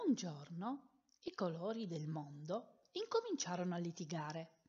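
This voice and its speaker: Slow, gentle woman telling a children's story. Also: fairly low pitch, big pitch swings, husky. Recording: dull lo-fi sound.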